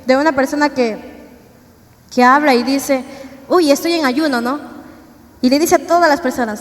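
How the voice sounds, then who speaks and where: High-voiced woman preaching in a hall. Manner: earnest, conversational, asks the congregation questions. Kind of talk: sermon testimony. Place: church. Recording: church hall reverb, faint ambient noise.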